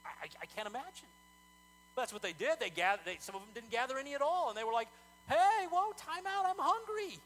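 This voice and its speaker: A male pastor preaching a sermon in a conversational, animated way, often repeating words as he talks. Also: very high-pitched, rapid-fire, a little hiss or hum, poor audio.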